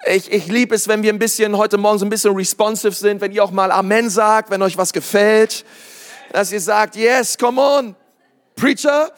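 High-voiced lively preacher man. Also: a little fast. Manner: lively, joking, calls for congregation responses. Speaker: pastor. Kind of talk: sermon.

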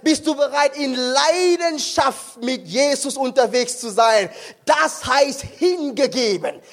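A man's voice: extremely high pitch, slow pace. A male preacher giving an impassioned sermon at a conference, firing questions at the congregation. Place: conference hall.

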